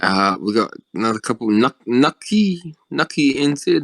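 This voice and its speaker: A man's voice: medium pitch, sing-song, moderate pace, a bit bright, dry recording. A man with a New Zealand accent moderating casually, breezy and matey, full of slang. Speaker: session moderator. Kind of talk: casual hosting.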